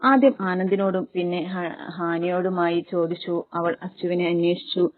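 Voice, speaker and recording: A woman's voice: on the low side, fairly even intonation, normal speed, dry recording. A woman narrating a romance story aloud in an emotive way, with small restarts. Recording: dry, tinny phone-like sound.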